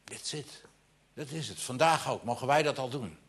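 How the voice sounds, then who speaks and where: A man's voice: mid-range voice, moderate pace, a bit bright. A man preaching a sermon with direct, personal appeals to the congregation, swinging from ringing proclamations down to near-whispers.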